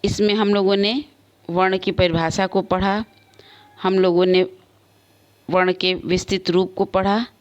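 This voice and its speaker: A woman teacher giving an online class lesson, explaining slowly with spoken examples and varied emphasis. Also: mid-range voice, flat delivery, muffled recording. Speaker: school teacher.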